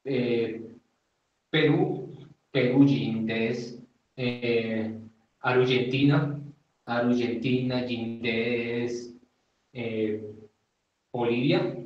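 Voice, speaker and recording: Male teacher, hesitant and unhurried, mid-pitched, recorded far off in a boomy room. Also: flat delivery, darkish tone. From Colombia. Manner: hesitant, many fillers, slow and deliberate. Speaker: Japanese teacher. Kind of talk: informal language lesson. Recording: far from the mic in an echoey, dull-sounding room.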